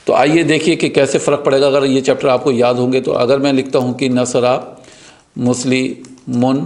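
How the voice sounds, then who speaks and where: Brief: male teacher, patient, repeats terms slowly, mid-pitched voice. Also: darkish tone. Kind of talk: grammar lesson.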